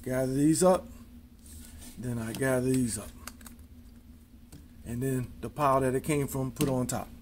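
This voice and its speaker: A man's voice: mid-range voice, fairly even intonation, unhurried, long pauses, a little mellow, a little hiss or hum. A man casually demonstrating card tricks, counting cards aloud in easygoing, folksy showman patter.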